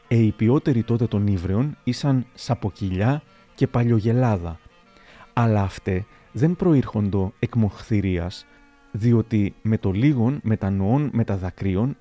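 A man narrating historical anecdotes aloud in a measured, storytelling manner. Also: on the low side, dark tone.

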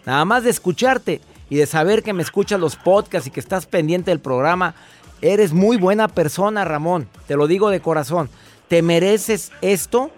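Man, radio host, emphatic fatherly advice, slightly high voice, faint music behind. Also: moderate pace. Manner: warm fatherly advice, emphatic, rhetorical questions. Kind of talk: call-in advice and interview.

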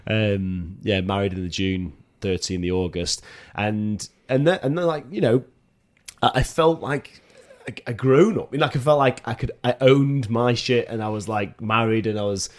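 Lower-voiced man in his thirties, reflective. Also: normal speed. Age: 30s. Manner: reflective, playful, acts out his own reactions. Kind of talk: casual podcast chat.

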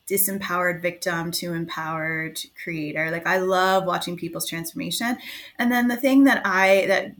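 A woman's voice: fairly low pitch, fairly bright tone. A woman guest who works as a life coach, talking in a gushing, enthusiastic interview chat full of "like" fillers.

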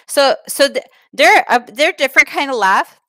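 A woman playing a foreign self-care adviser who speaks in broken, halting English with many restarts. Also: high-pitched, expressive, fairly bright tone, dry recording. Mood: deadpan advice. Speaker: comic advice giver. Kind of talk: improvised comedy bit.

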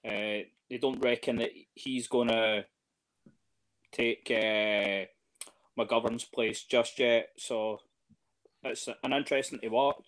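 A man's voice: medium pitch, fairly bright tone. A man in casual chat as a guest, hesitant and full of fillers and restarts. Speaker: podcast guest, fan.

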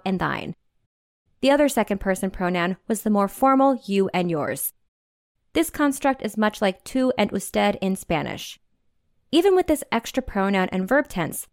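A woman's voice: medium pitch, no echo. Woman reading a dry, teacherly explainer. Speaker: podcast co-host. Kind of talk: scripted explainer narration.

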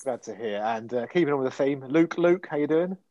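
A man hosts a casual football chat in a frank, conversational way, passing the talk to his co-hosts. His voice sits at an ordinary middle pitch, recorded dry and close with a dull, somewhat lo-fi tone. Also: lively intonation, a little fast, dark tone, no echo. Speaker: podcast host.

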